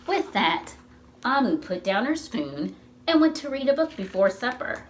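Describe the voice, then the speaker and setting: A woman with a fairly high-pitched voice reads a picture book to young children as a library storytime reader, with a little hiss or hum in the recording. She is expressive, animated and slow, and questions her young audience along the way.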